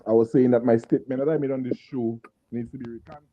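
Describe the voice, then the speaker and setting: A man's voice: mid-range voice, fairly even intonation, quick pace, highs cut off, a little hiss or hum. A man chatting casually as a football panelist over an online call, his audio cutting out and dropping in level. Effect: remote call audio that cuts out and drops in level. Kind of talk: casual sports chat.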